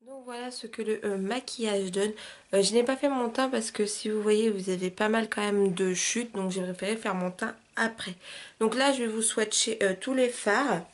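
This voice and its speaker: A woman talks through her makeup routine in a relaxed, chatty way, her voice sitting at an ordinary middle pitch. She fills pauses with little hesitations and "hop" sounds and drops into softer asides as she works. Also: soft background music. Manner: chatty, loose, with frequent "euh", "hop" and "voilà". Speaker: beauty vlogger. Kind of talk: casual makeup tutorial chat.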